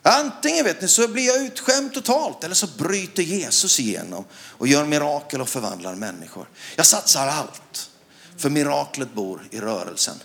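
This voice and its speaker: A middle-aged man from Sweden preaches with a lively, swooping voice that sits fairly high. He tells his story with animated delivery, climbs to loud shouts and keeps asking the congregation whether they follow him. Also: creaky. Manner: animated storytelling, rising to loud shouts, asks the crowd questions. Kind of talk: sermon with a personal story.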